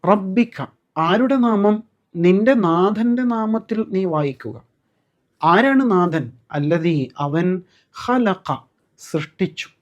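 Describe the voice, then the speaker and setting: Male Quran teacher, fairly high voice, dull lo-fi sound; explains patiently, asks the class questions, recites verses slowly. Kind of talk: recorded Arabic and Quran class.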